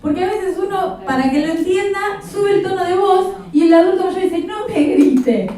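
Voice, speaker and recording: A woman's voice: extremely high pitch, fairly even intonation, fairly quick, dark tone. A woman with an Argentine Rioplatense accent giving a practical, explanatory lecture at a professional conference, with a touch of humor. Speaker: conference speaker. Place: conference hall. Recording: very echoey hall, voice from far off.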